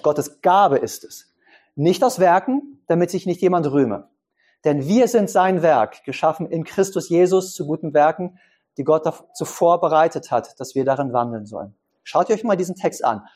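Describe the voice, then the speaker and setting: A man preaching a sermon who puts questions to his congregation and explains his points with simple images. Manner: pitch swings up for emphasis and drops low for quiet points.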